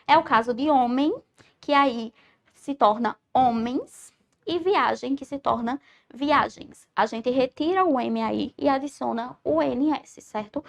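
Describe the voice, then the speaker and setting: A woman's voice: high voice, vocal fry. A woman from Brazil, a teacher giving a recorded online school lesson, explaining patiently and often checking in with "certo?". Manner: stresses syllables slowly when spelling out words.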